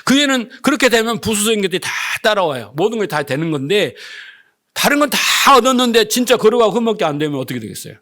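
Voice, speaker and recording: A man's voice: sits high, very animated, fast talker, a bit bright. A man preaching as pastor who keeps asking the congregation questions and acts out quoted speech. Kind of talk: sermon.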